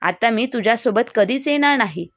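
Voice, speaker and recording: A woman voicing a stubborn, angry young wife who speaks in a sharp, defiant way. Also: on the high side, expressive, moderate pace, no room sound, clean studio sound. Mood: indignant.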